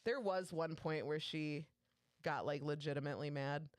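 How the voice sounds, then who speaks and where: A woman's voice: low-pitched, normal speed, smooth, dry recording, studio quality. A young woman co-hosting a podcast, telling a work story in casual chat, laughing often and swearing freely. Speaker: podcast co-host.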